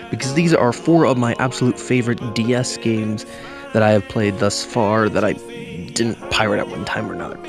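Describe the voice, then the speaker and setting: A man rambles through a casual game review, often correcting himself mid-sentence and tossing in joking asides. His voice sits at an ordinary middle pitch and sounds muffled, since he is recording under a blanket. Clear music plays underneath him.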